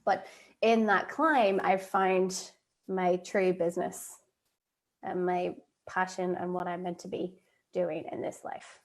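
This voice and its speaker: A woman's voice: on the low side, fairly even intonation, takes it slowly. A woman, a life coach chatting as a guest in an interview, talking freely with many fillers and frequent laughs. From Northern Ireland. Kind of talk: casual interview chat. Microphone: video call.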